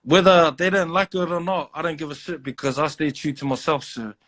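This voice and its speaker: Male rapper guest, New Zealand accent, slightly high voice, casual street slang, conversational delivery. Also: a little fast, a bit bright. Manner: slangy, loose, repeats like and bro. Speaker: drill rapper being interviewed. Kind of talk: casual chat.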